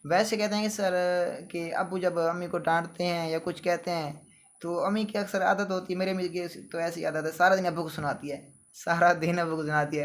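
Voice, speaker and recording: Chatty man teaching vocabulary lists. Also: sits high. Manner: chatty, digressive, drawn-out word lists. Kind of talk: casual vocabulary lesson.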